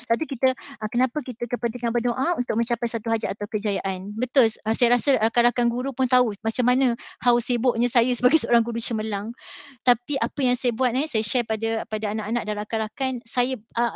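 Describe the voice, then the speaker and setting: Her voice is a little high, and the recording dry: a middle-aged Malaysian maths teacher on a school panel telling an earnest story from her own life to motivate listeners. She speaks in a Malay accent, using many fillers.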